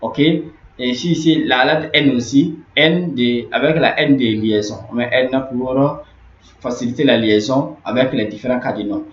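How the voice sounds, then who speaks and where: Man teaching grammar in an echoey room. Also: mid-range voice. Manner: repetitive, explanatory, slowly repeats key words. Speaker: language teacher. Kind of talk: online grammar lesson. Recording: roomy, dull lo-fi audio with faint hiss.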